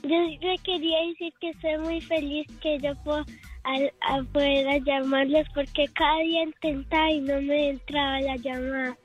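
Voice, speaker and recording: Brief: high-pitched young caller, eager, careful, muffled phone-in sound. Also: female voice, little pitch movement, normal speed, faint music behind. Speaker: child callers. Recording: dull call-in phone line.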